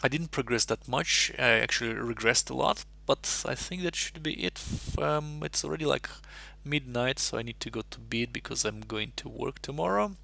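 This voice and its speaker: Man, from Russia, chess streamer, very gravelly voice, rambling casual chat, thinking aloud. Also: mid-range voice, moderate pace, few pauses, bright, forceful tone, a little hiss or hum. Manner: thinks aloud while solving puzzles, chatty and rambling.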